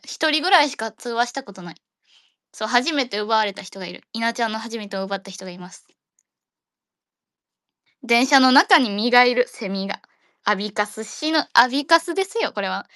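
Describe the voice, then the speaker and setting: Woman, Kansai accent, hosts a casual chat, playful and rambling; crisp bright tone, dry close mic. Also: on the high side, normal speed, no room sound. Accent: Kansai Japanese. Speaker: host of an audio chat room.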